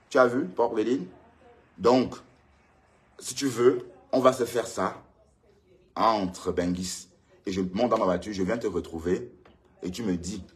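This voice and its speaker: A man hosting his own live stream alone with a ring light. He rants heatedly at rivals, repeating his warnings, and his pitch jumps up when he gets worked up. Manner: heated, repetitive, addresses rivals directly. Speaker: online show host. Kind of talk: solo live-stream rant.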